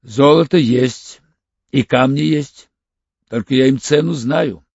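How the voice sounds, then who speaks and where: A man voicing Fomin, a sly, wary older male crook who haggles in a cagey, hoarse voice, in an audiobook. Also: mid-range voice, takes it slowly, darkish tone, no echo, muffled recording, heavily acted. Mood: cagey, bargaining.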